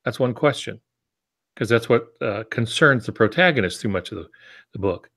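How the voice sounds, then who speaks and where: An American writing teacher and podcast co-host in his sixties teaches informally with asides on a video call from his home office, using wired earbuds. His medium-pitched voice is animated and fairly bright at a moderate pace.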